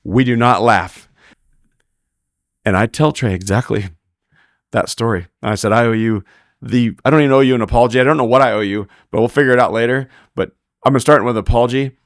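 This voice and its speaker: A man's voice: medium pitch, fast talker, no room sound, studio quality. A man guesting on a podcast, telling stories casually and animatedly, acting out what others said. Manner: animated retelling, acting out quoted talk; frequent laughter, restarts. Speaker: podcast guest, rodeo heeler. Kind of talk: casual storytelling in a podcast interview.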